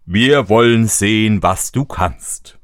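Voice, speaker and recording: A man voicing a pair of wary, hushed male thieves in a storybook reading. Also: lowish voice, takes it slowly, no room sound, clean studio sound.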